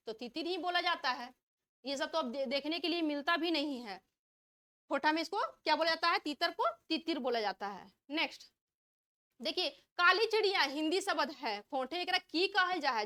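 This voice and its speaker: A woman teacher runs an exam-prep vocabulary lesson in a high, bright voice. She reads out the answer options and asks each question twice before she gives the answer. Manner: reads out multiple-choice options.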